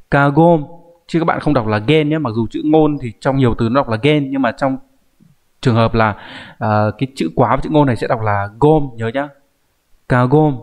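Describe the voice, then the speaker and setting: A male language teacher walks the viewer through a grammar point. His delivery is patient and explanatory, and he keeps pausing to check that the listener is following. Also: medium pitch. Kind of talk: online grammar lesson.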